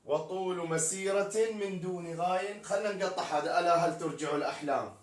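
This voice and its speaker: A man's voice: high-pitched, a little fast. A man teaching poetic meter in a live-streamed lesson, spelling out words letter by letter as he explains. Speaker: poetry teacher. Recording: echoey room, distant mic.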